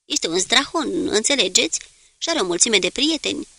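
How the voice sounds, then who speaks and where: A man's voice: sits high, animated, gravelly, bright, forceful tone, no room sound, exaggerated voice. A woman reading a nervous young male ship's machinist who speaks in hesitant, broken-off sentences. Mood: halting, anxious.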